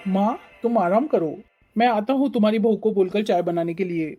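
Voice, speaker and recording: A voice actor playing a calm, caring grown son in an animated moral story. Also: mid-range voice, a little fast, faint music behind, close to an everyday voice.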